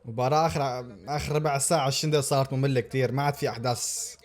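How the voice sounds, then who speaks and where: A man reacting live to a football match, excitable and full of repeated exclamations. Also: mid-range voice, racing.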